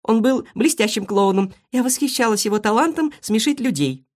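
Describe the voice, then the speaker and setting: A storybook reader voicing an excitable young female guinea pig who squeals and exclaims. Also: mid-range voice, normal speed, pitched above the performer's own voice, natural voice. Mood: excited. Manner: squealing, exclaiming, breathless delivery.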